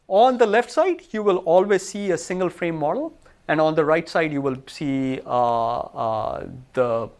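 Man, high-ish voice, research presenter, technical lecture, explains slide results, lecture room. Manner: explanatory, walks listeners through results on slides.

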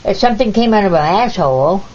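A woman's voice: mid-range voice, lively intonation, quick pace, a little mellow, slightly rough. An older woman, a foul-mouthed grandmother swearing bluntly in casual chat at home. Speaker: grandmother being filmed. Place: indoors at home, bedroom. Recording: muffled, noisy home recording.

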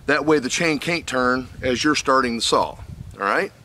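A man's voice: medium pitch, normal speed, background noise. An older man hosting his channel, casually explaining and demonstrating a chainsaw in a wooded lot, folksy and plain with fillers, recorded by a camera mic. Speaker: channel host reviewing a chainsaw.

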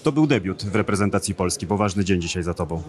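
A man's voice: sits low, lively intonation, fast talker. A young male sports reporter asking conversational, leading post-match questions into a handheld microphone. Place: stadium mixed zone by a sponsor wall. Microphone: handheld broadcast mic.

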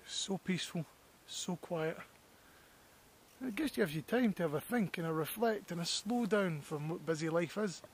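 A Scottish man with a slightly high voice talks straight to the camera as he walks a snowy hillside, eager one moment and musing the next. A faint hiss from the outdoor camera mic sits under his voice. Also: animated, fairly quick, few pauses. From Scotland. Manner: enthusiastic, reflective, talks to camera while walking. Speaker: landscape photographer vlogger. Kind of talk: outdoor walking vlog.

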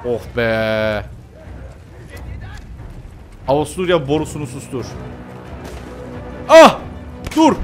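A man giving casual, joking commentary while playing a shooter game, now and then breaking into excited shouts. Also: medium pitch, slow pace, pauses often. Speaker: gameplay commentator. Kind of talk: casual let's-play commentary. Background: game gunfire and faint music.

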